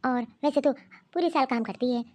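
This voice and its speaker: A woman voicing a scheming, bossy young sister-in-law in an animated cartoon story, coaxing and ordering others about. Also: high-pitched, normal speed, lightly acted.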